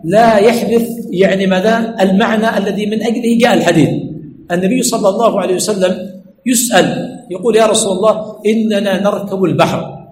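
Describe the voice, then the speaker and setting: A male religious teacher with a high voice and rapid delivery, forever asking his class "what?" and then supplying the answer himself. He repeats key words for emphasis. The room is echoey with a faint hum behind him. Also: steady tone, a little mellow. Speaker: sheikh teaching hadith studies. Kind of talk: classroom lesson. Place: religious study center classroom.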